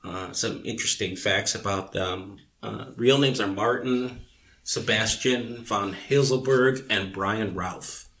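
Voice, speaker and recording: A man's voice: lowish voice, slow, fairly bright tone, slight background noise. A man in his thirties chatting casually as a podcast co-host, rambling with many fillers. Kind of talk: casual chat.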